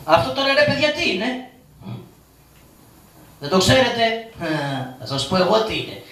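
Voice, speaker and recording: A man's voice: very high voice, sing-song, a bit bright, full character voice. Karagiozis, a man voicing a cowardly trickster. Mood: puzzled joking. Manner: fearful comic babbling, stammers, calls on his mother. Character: poor, cowardly, joking male trickster of shadow theatre. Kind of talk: live shadow-puppet theatre. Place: theatre stage. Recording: echoey live stage from a distance.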